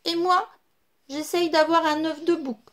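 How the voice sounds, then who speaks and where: A woman's voice: very high-pitched, fairly even intonation, measured pace, a bit bright, voice pushed up. A woman voicing a puzzled, plaintive male goat in a children's storybook.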